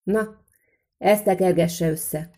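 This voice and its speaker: Woman doing a loud bossy blacksmith man. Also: on the low side, lightly acted. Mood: commanding. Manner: barking orders. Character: gruff commanding male village blacksmith.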